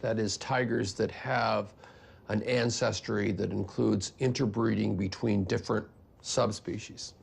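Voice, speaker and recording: A man's voice: fairly low pitch, steady tone, unhurried, creaky, husky. An older man, a scientist, explaining his views conversationally in a documentary interview. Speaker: geneticist interviewee.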